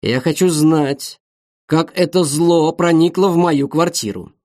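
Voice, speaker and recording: A man's voice: fairly high pitch, measured pace, a little mellow, dry recording, clean studio sound, natural voice. A man voicing Tanya, a stern, furious middle-aged mother who barks commands. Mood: commanding. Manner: barking, commanding.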